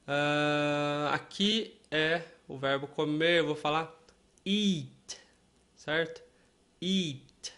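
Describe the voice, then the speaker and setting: A male English teacher with Portuguese as his first language, talking through a lesson at an unhurried, careful pace. His voice sits a bit high for a man, and he repeats each example word so that learners can follow. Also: fairly even intonation, sharp tone. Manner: slow and deliberate, repeating and spelling out words for learners.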